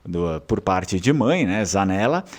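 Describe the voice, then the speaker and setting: This man from southern Brazil hosts his channel in a southern Brazilian Portuguese accent, his voice sitting low, very animated, and unhurried. The talk is casual and rambling, with many fillers and restarts.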